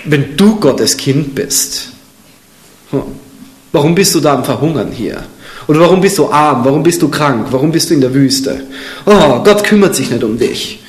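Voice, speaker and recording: Preacher guy doing a sneering devil, slow mocking drawl, kinda high, echoey. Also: lively intonation, lightly acted. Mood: taunting. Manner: slow, drawn-out, mocking emphasis. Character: sly taunting male devil, mocking and doubting. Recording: echoey room.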